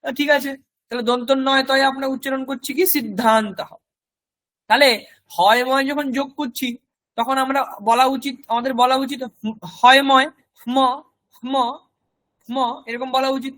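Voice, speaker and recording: A male teacher gives a recorded class lecture. His voice sits high and rings bright. He works through each point methodically, saying example words again and again at a slow drilling pace. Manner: explains step by step and repeats example words slowly for drill. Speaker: language teacher.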